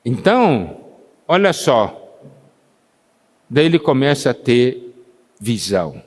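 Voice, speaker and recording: A man preaching a sermon who slows down to stress scripture and asks the congregation questions, pausing for their answers. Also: medium pitch, very animated. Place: church meeting hall. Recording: long hall reverb.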